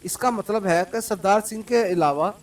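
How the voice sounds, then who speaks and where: A man's voice: high voice, moderate pace, distant mic, pitched above the performer's own voice, close to an everyday voice. A man playing a cold, witty male secret agent. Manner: calm and cold, mocking laughter. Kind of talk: audiobook character reading.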